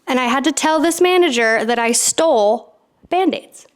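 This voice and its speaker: A woman's voice: sits high, normal speed. Chatty woman telling a story. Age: 30s. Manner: animated, chatty storytelling with frequent "like" fillers. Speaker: podcast host. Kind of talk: solo storytelling podcast.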